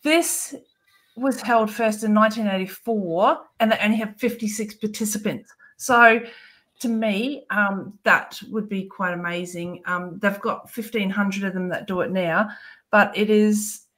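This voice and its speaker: A woman's voice: mid-range voice, measured pace, a bit bright. Chatty New woman, full of ums. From New Zealand. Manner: chatty, hesitant, many filler ums. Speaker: podcast co-host. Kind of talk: casual chat.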